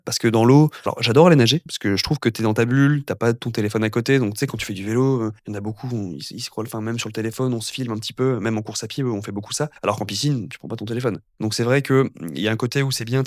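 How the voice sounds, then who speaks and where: Fast-talking man, rambling and relaxed. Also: mid-range voice, no echo, clean studio sound. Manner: rambling, many fillers and restarts. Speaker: guest, physiotherapist and amateur triathlete. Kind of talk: casual podcast conversation.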